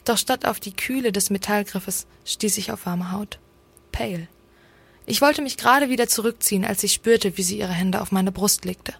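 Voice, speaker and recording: Husky-voiced woman reading a story. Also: medium pitch, moderate pace. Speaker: story reader. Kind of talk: scripted story narration.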